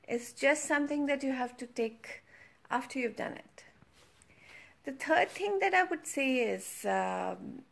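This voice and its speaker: Lady motivational speaker, earnest, kinda gravelly voice, mixes in hindi bits. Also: on the high side, a bit bright. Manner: earnest, emphatic, slows down on key points; switches into Hindi phrases. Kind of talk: motivational talk to followers.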